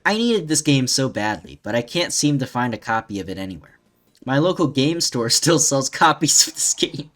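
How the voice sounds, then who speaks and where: A man's voice: medium pitch, sing-song, moderate pace, fairly bright tone. A young man reading a silly internet story aloud, often breaking into laughter.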